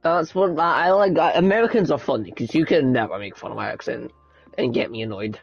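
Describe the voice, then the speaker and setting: A man's voice: mid-range voice, brisk, vocal fry, husky. A man chatting casually, rambling with lots of "like", over dull lo-fi call audio. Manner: rambling, full of "like". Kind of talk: casual chat.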